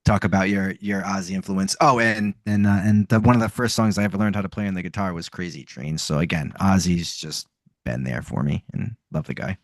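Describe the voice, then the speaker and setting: A man co-hosting a casual podcast, speaking earnestly and haltingly with many ums. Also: low voice, fairly even intonation, dry recording. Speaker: podcast co-host. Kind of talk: casual sports chat.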